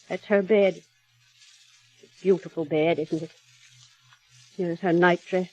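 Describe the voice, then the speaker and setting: In a 1930s radio drama, an actress voices an obsessive, menacing housekeeper still devoted to her dead mistress, speaking slowly, deliberately and insinuatingly. Her female voice is fairly low and a little mellow, with no echo. The old radio recording is muffled and has music.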